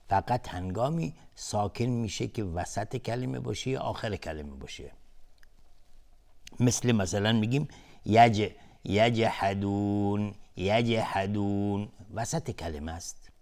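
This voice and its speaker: A man teaching Quran recitation in a televised lesson, explaining patiently step by step and slowly drawing out recited examples. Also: on the low side, vocal fry, darkish tone.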